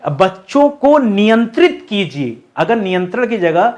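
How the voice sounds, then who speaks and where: A male Hindi teacher giving an online exam-prep lesson, explaining step by step and asking and answering his own questions, slowing down to spell out key words. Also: high voice, very animated, darkish tone.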